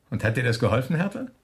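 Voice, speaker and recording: In a German radio play, a man with a medium-pitched voice acts a smug, menacing officer who taunts a prisoner with mocking, drawn-out questions.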